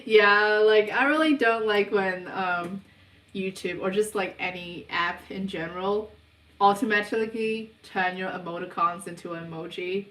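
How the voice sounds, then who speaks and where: A young woman from New hosts a casual livestream Q&A, reading viewers' questions aloud and answering in an unhurried, hesitant way with lots of ums. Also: medium pitch, fairly bright tone, distant mic. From New Zealand. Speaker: livestream host of a subliminal channel. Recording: roomy sound, voice away from the mic.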